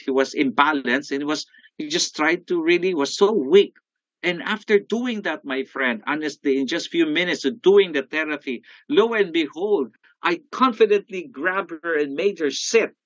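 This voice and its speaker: An older man with a Filipino accent giving an animated motivational sales talk, often calling out to his audience. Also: on the high side, no echo, highs cut off. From Philippines. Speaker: sales coach.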